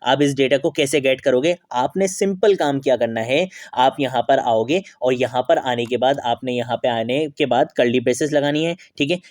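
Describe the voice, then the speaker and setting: A man at a mid pitch talks through a coding tutorial step by step. He keeps asking questions and answering them himself. He checks in with the listener again and again, and his voice sounds close and dry. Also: normal speed, few pauses, darkish tone, no echo. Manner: repeats "theek hai" often as a check-in. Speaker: programming tutor. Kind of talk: screen-recorded coding tutorial.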